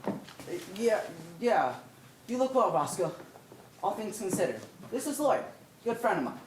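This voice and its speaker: A woman's voice: mid-range voice, very animated, unhurried. A woman playing a shifty, blustering father in a stage comedy. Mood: awkward. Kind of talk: live stage comedy acting. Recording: echoey stage, distant mic, clear noise.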